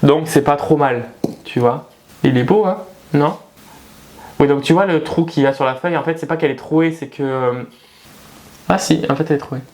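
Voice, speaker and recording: A man's voice: fairly high pitch, moderate pace, long pauses, darkish tone. A young man chatting casually indoors at home about his houseplants, swearing and grumbling, hot and sweaty. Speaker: plant vlogger. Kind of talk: casual chat.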